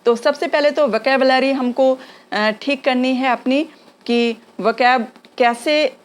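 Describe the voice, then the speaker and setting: A woman teaching spoken English, slowly repeating example phrases for learners to copy. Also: high-pitched, fairly even intonation. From India. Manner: slow drilled repetition of example phrases.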